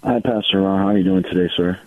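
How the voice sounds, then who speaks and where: A man's voice: low voice, little pitch movement, quick pace, no room sound. A man calling in to a radio show over the phone, talking in a hesitant, rambling way with lots of fillers. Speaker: caller. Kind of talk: call-in radio conversation. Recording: tinny phone line on radio.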